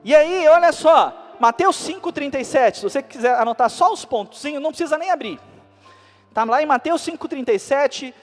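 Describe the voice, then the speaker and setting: Brief: male pastor, very high voice, animated sermon delivery, faint music under him. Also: fairly quick. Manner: animated preaching with rising emphasis. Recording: long hall reverb with faint music.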